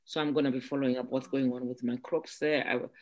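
Halting, hesitant woman entrepreneur guest. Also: extremely low pitch, level tone. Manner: halting, many restarts and "um" fillers. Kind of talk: casual interview chat.

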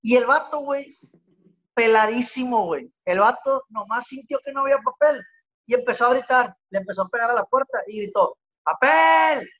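A podcast guest with a Mexican accent tells a story over a remote call in a casual, rambling chat full of slang, packing "güey" into every sentence. His voice is very high-pitched, brisk, and fairly bright, though the audio is dull.

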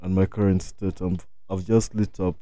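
A man's voice: deep voice, little pitch movement, normal speed, mellow, no echo. A young man chatting casually as a guest, laid-back and hesitant, using street slang. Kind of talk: casual chat.

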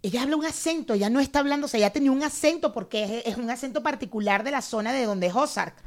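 A Venezuelan woman co-hosting a casual chat, lively and swearing freely as she tells stories. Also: fairly high pitch, very fast. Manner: lively, swears casually, acts out quoted voices.

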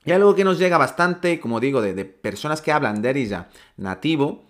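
A man's voice: on the high side, lively intonation, brisk, fairly bright tone. Man from teaching casually. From Ceuta. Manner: conversational, many fillers and restarts, asks "¿no?". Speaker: Darija teacher. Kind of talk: casual explanatory lesson.

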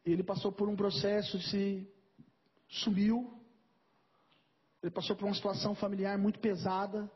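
A man's voice: high-pitched, flat delivery, moderate pace, pauses often, husky, lo-fi sound. A man preaching a sermon as pastor, telling a story and acting out its dialogue.

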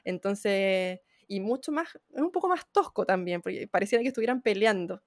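Woman, Chilean Spanish accent, animated, slangy, dry close sound. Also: medium pitch, brisk, no room sound. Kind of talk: casual panel chat.

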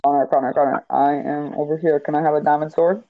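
A teenage boy hosting a gaming podcast, chatting casually and teasing his friend in a deadpan way. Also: a little high, quick pace, gravelly. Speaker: podcast host. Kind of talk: casual chat while gaming. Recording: tinny phone-like line, faint hiss.

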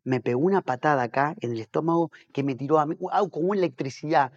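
Male pastor guest, rapid animated storyteller with a slightly high voice, lots of restarts, muffled podcast audio. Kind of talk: casual storytelling interview.

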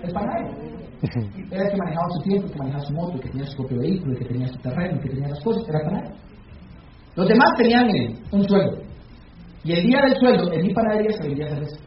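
A man giving a motivational talk to a business meeting, putting questions to the audience and acting out shouted calls. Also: sits high, expressive, rapid-fire, slight background noise. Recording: echoey, dull hall recording from far off.

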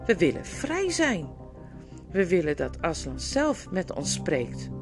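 A woman voicing an old bear who speaks plainly and grumbles, slow to understand. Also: fairly low pitch, huge pitch swings, over music, exaggerated voice. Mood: pleading.

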